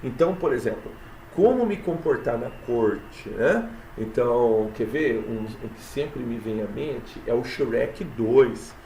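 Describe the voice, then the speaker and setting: A man teaching literature in a mid-range, gravelly voice. He explains patiently and keeps checking in with his students. He reads verses slowly to count the syllables. The sound is echoey, with faint background noise. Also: medium pitch, animated, dark tone. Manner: explanatory, repeats "tá?" and "né?" often. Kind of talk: recorded classroom lesson. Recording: echoey room with light ambient noise.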